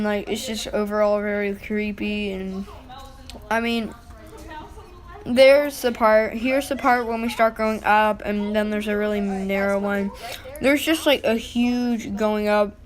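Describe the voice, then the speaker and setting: A female-sounding voice giving informal, rambling vlog commentary over exploration footage, with mild swearing. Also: mid-range voice. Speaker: vlog narrator.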